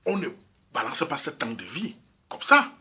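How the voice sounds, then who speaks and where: A man from Cameroon delivers a casual opinion monologue, emphatic and repetitive, turning to address his listeners directly. His voice is bright and a little husky, sitting somewhat high for a man, and the words come quickly. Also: huge pitch swings. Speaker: YouTube commentator. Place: Europe.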